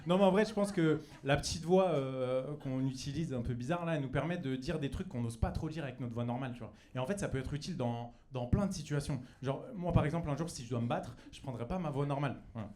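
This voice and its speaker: Audience laughter fills the comedy club as a young man delivers stand-up in a mid-range, slightly mellow voice, talking fast with hardly any pauses. He's chatty and loose, restarting often, leaning on fillers and doing silly put-on voices.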